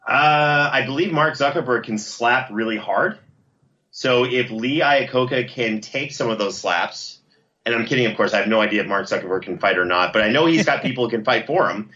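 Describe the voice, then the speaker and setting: A podcast producer, here an interview guest, chats casually and jokes playfully as he talks things through. His voice is medium-pitched with a sharp tone and a moderate pace, and the dull recording carries slight background noise.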